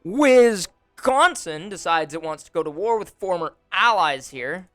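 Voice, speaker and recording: A young man giving relaxed, wry commentary on a strategy game simulation, with frequent fillers, recorded close on a desk mic at home. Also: high-pitched, unhurried, no room sound. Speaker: gaming YouTuber. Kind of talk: casual gameplay commentary. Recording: dry close voice over faint music. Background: faint background music.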